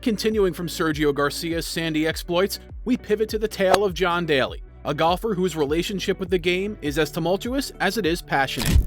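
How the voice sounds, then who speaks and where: A man's voice: high voice, fairly quick, hardly any pauses. A man delivering scripted video narration in a dramatic storytelling manner. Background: music.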